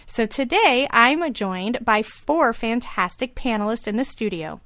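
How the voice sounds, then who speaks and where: A woman's voice: on the high side, expressive, measured pace, a bit bright, dry recording. Upbeat woman podcast host. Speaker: podcast host, lactation consultant. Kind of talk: scripted show intro.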